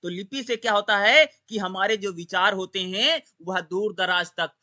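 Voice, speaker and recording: A man's voice: high voice, moderate pace, pushed and bright. A male teacher explaining a lesson, repeatedly asking questions and answering them himself. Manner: repetitive, asks rhetorical questions then answers them. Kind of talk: explanatory Hindi lecture.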